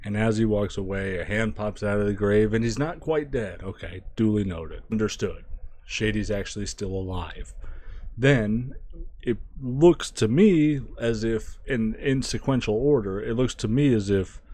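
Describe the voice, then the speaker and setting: A man giving a casual spoken album review, thinking aloud, restarting phrases and trailing off quietly. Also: fairly low pitch, a little slow. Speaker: music reviewer.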